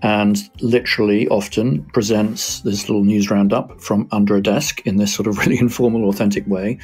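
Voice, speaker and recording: A man speaking as a media researcher guest, explaining trends in a measured, analytical way with frequent asides. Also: fairly low pitch, fairly even intonation, darkish tone, breathy edge, faint music behind. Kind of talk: explanatory interview answers.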